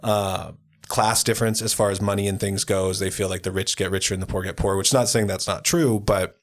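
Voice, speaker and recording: Male podcast host, lower voice, loose explanatory chat. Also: fairly even intonation, a little fast. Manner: rambling, explanatory, frequent restarts. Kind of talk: casual chat explaining business basics.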